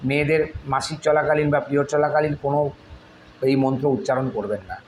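A man who chants mantras slowly and then explains their spelling and use in religious instruction. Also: medium pitch, a little hiss or hum, poor audio. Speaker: astrologer teaching tantric mantras.

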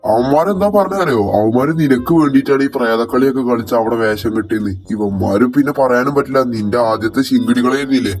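A man voicing a stern, scheming police officer in a game role-play, gruff and matter-of-fact. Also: medium pitch, fast, hardly any pauses, a little mellow, faint music behind, lightly acted.

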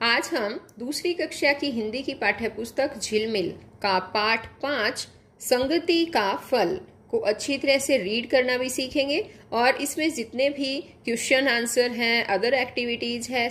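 A woman's voice: fairly high pitch, slow, fairly bright tone. A woman teacher giving an online class to young children, patiently explaining a story and asking them questions.

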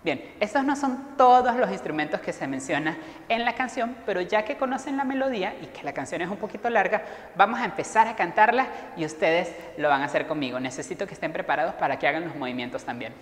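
Energetic woman music teacher, echoey room. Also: fairly low pitch, fast talker. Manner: lively, encouraging, leads children in rhythmic sound imitations. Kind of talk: online music class for young children. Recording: echoey room with long reverb.

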